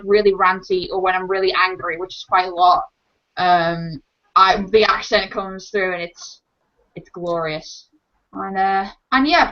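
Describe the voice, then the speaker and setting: A young woman from Liverpool, England, with a mild, watered-down Scouse accent, speaks in a medium-pitched, slightly bright voice. She's a guest in a casual chat, rambling with many ums and restarts, and the lo-fi recording sounds dull.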